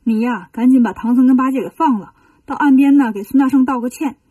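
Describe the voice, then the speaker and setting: A woman's voice: high-pitched, fast talker, dark tone, dry recording. A woman voicing a stern, dutiful young dragon prince in a children's storybook reading, firm and lecturing.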